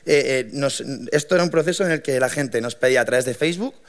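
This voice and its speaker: A young man, telling his founding story to an audience in a lively, colloquial way with many restarts. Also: medium pitch, fast. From Madrid, Spain. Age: 20s. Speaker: young entrepreneur giving a talk.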